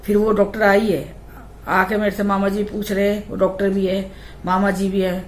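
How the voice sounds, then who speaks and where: A woman's voice: mid-range voice, little pitch movement, normal speed, roomy sound, a little hiss or hum. A young adult woman vlogger telling a personal story in a chatty, repetitive way. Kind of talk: casual storytelling.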